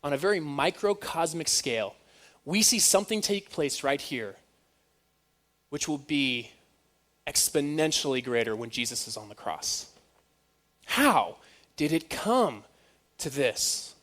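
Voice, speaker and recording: A man preaching a sermon, telling the story in an animated way with joking asides. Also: on the high side, a little slow, long pauses.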